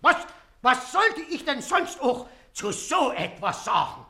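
A querulous, hard-of-hearing old landlord in a radio play. His voice is high, bright and swooping, and he stammers and sputters with outrage. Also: sing-song, takes it slowly, gravelly, full character voice. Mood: indignant. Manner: indignant, sputtering, stammers in agitation.

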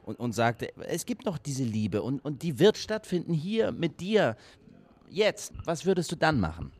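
A man's voice: a little high, sing-song, a little slow. An actor in a radio play voicing an earnest man who presses another man on whether true love can still happen. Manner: earnest, searching, insistent questions.

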